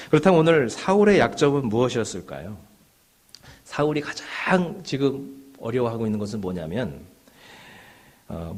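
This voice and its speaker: A middle-aged man, a pastor, preaching a sermon in a conversational way, with rhetorical questions and frequent affirming fillers. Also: medium pitch. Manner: rhetorical questions, rising and falling in loudness.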